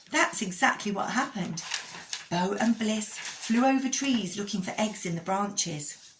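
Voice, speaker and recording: A woman speaking as a kids show host, telling a children's story with a religious lesson in an expressive way and addressing young listeners directly. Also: mid-range voice, slight background noise.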